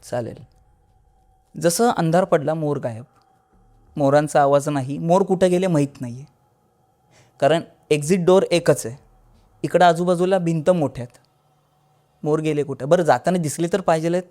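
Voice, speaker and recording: A man's voice: fairly high pitch, normal speed, pauses often, warm tone. A man, a podcast guest, telling a first-person horror story in a conversational way, with restarts, acting out what people said. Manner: vivid, acts out dialogue.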